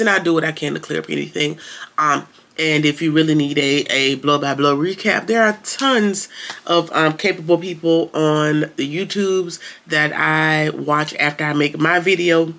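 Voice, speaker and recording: A man's voice: a little high, vocal fry, pushed and bright. A man hosting a casual episode recap in slangy, informal talk, sounding slightly under the weather. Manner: informal slangy retelling, acts out characters' lines. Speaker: host of a series review show.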